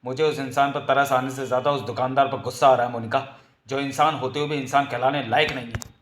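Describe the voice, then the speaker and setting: A man's voice: mid-range voice, fairly even intonation, quick pace, fairly bright tone, close to an everyday voice. A man voicing a principled young man who speaks in an earnest, moralizing way. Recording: roomy echo.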